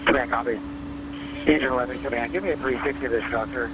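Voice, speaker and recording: A man's voice: mid-range voice, fairly even intonation, fast talker. A man giving terse, urgent firefighter radio orders as incident commander over a two-way radio. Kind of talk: terse emergency radio communication. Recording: very noisy radio, roaring vehicle noise.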